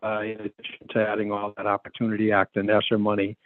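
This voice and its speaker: A man, a school superintendent, giving a budget report over a phone line that keeps breaking up and cutting out, pausing with many fillers. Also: lowish voice, completely flat delivery, dry recording. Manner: halting, many filler sounds. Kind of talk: budget presentation at a public meeting. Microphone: mobile phone call. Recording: tinny dry phone line.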